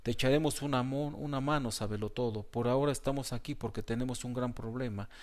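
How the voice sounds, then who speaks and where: A man voicing a calm, good-natured male cat who speaks plainly and reasonably. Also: medium pitch, quick pace, natural voice. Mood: earnest.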